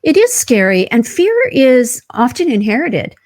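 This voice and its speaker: A woman's voice: fairly high pitch, big pitch swings, a little slow, darkish tone. A woman guest on a podcast, speaking earnestly in a coaching tone and asking rhetorical questions. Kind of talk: conversational interview.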